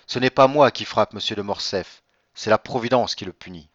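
A man's voice: lowish voice, normal speed, a bit bright, dry recording. A man reading an audiobook, voicing a bitter, vengeful nobleman who speaks with cold irony. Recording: dull lo-fi dry recording.

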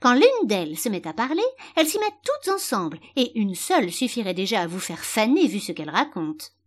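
A woman's voice: medium pitch, sing-song, fairly quick. A woman voicing a proud, bossy talking tiger-lily flower that scolds and commands. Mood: lecturing.

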